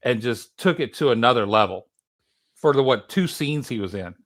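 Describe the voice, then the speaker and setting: Man, podcast host, casual chat, wry, reads reviews aloud, mid-pitched voice. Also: expressive, moderate pace, fairly bright tone.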